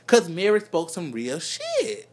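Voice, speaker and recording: A man's voice: sits high, huge pitch swings, takes it slowly. A man in his twenties co-hosting a podcast, telling emphatic, profane stories in casual chat about music. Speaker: podcast co-host.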